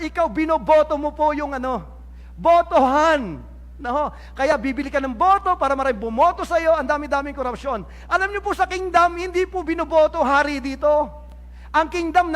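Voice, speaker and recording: A man's voice: very high-pitched, a bit bright. Filipino man preaching in a reverberant hall. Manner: mixes English phrases, often says "no?" and "mga minamahal ko". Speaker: pastor. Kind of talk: sermon.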